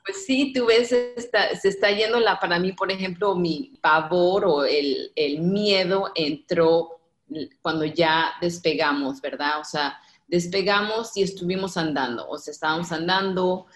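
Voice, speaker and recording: A woman telling a personal story in casual conversation, animated and laughing often, with many fillers and restarts. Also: fairly low pitch, a little slow. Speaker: guest.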